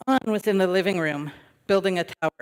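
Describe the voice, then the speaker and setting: A man, a minister, reading a children's story aloud during a service in a gentle storytelling manner with light asides. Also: high voice, fast, clean tone. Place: large worship hall. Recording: long reverb of a worship hall.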